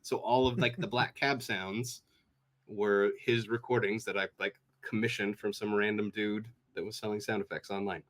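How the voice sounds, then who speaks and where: A man from Washington State with an American accent, a sound designer appearing as a guest in a casual interview, tells stories in a lowish, fairly bright voice with flat delivery at normal speed. He rambles, leans heavily on fillers and restarts, and acts out quoted speech.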